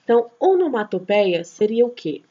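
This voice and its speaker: A woman teaching an online grammar lesson, her voice swinging up and down with animated intonation. She keeps checking in with her students and trips over words now and then, restarting them. The recording sounds a little dull and lo-fi. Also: a little high, normal speed. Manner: chatty, checks in with tag questions.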